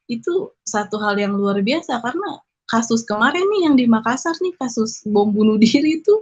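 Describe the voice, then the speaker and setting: Woman, 20s; emotional first-person testimony, breathy tone, dull recording. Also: medium pitch, dark tone. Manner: earnest, emotional retelling with quoted dialogue. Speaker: convert giving testimony. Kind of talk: personal testimony, casual storytelling.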